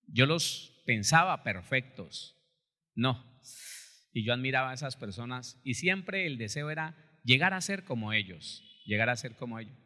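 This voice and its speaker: A male pastor preaching a storytelling sermon, animated, acting out quotes and calling his listeners brother. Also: fairly high pitch, long reverb tail.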